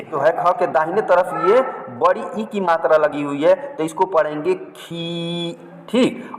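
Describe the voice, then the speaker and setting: A man's voice: a little high, big-room sound, rough recording. A man teaching a language lesson, patiently spelling out letters and repeating each word twice. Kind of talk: slow step-by-step script lesson.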